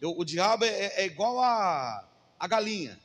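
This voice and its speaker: A man's voice: high voice, very animated, normal speed, a bit bright, long reverb tail. A man preaching as a pastor, emphatic, asking the congregation rhetorical questions. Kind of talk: sermon.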